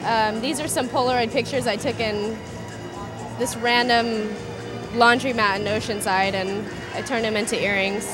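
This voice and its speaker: A young woman designer from Southern California chats in a casual trade show booth interview, her fairly high voice at normal speed. Loud music and a crowd sound behind her in the busy indoor space. She's relaxed, leans on fillers and trails off slightly, recorded on a handheld interview mic.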